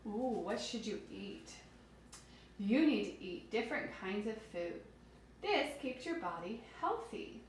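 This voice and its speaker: Here a teacher with a mid-range, expressive, unhurried voice reads to small children, pausing for simple explanations and questions aimed at them. It's a read-aloud lesson recorded in a very echoey room where faint noise can be heard.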